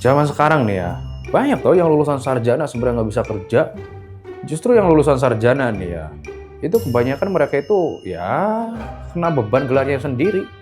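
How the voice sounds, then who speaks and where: Preachy, short-fused boss in middle age, talks fast and sneers, voiced by a man. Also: medium pitch, big pitch swings, a little mellow, soft background music, lightly acted. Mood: lecturing. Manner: lecturing, sneering.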